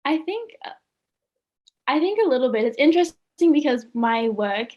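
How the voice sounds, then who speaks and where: A woman's voice: high-pitched, expressive, moderate pace, lo-fi sound. A young woman from Australia, a student artist answering interview questions in a chatty way, full of "like" and small laughs. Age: young adult. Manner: chatty, many "like"s, laughs often. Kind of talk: casual interview chat.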